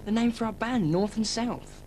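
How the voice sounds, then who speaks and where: In a 1990s children's TV drama, a young male actor plays a band member, a cheeky, boastful teenage boy who spins tall tales and schemes to start a band. His voice sits high and sounds natural, at normal speed, and the recording comes from a noisy old VHS tape.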